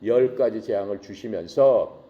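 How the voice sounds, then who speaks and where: A male preacher retelling a Bible story in a casual, animated way, full of rhetorical questions. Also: fairly low pitch, moderate pace, highs cut off. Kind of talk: sermon.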